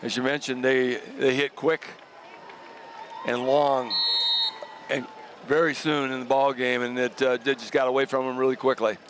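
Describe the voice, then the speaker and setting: A man giving casual color commentary on a high school football game. He is chatty and enthusiastic and chuckles often. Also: level tone, normal speed, pauses often, noisy background.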